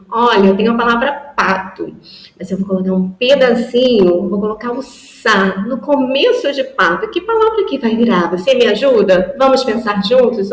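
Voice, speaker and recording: A Brazilian woman leading a teacher training session, with a mid-range voice. She talks didactically, poses rhetorical questions and draws example words out slowly syllable by syllable. The sound is roomy and echoey. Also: medium pitch. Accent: Brazilian Portuguese. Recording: roomy echo.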